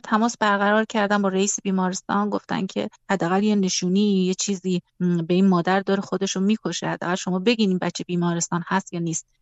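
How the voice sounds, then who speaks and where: Middle-aged Iranian woman, halting, muffled recording. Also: mid-range voice, little pitch movement, dry recording. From Iran. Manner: halting, measured recounting with frequent hesitations. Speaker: mother interviewed on radio. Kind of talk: personal account in a radio interview.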